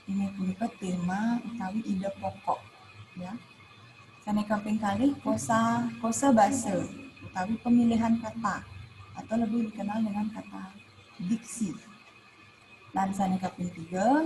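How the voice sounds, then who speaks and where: A woman's voice: mid-range voice, warm tone. A woman teacher with a Balinese accent explaining poetry in an online class, full of "nah" and "ya" fillers. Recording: noisy livestream audio with background hum.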